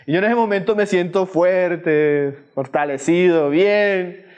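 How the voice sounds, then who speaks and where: Slow high-voiced male preacher. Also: a little mellow, lo-fi sound. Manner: slow, emphatic preaching with dramatic pauses. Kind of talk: sermon.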